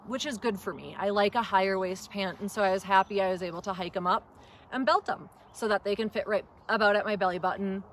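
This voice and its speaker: A chatty woman with a Minnesota accent reviews outdoor gear to camera, full of ums and enthusiasm. Her voice sits at a middling pitch. A faint hiss of room noise runs underneath. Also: a bit bright. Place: indoors at a table.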